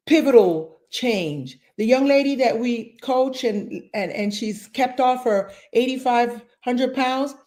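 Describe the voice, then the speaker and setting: A woman in her sixties talks as a guest about coaching people toward better health. She speaks emphatically and repeats key phrases for effect. Her voice sits somewhat high for a woman. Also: warm tone. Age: 60s. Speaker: fitness and nutrition coach. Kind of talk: interview guest.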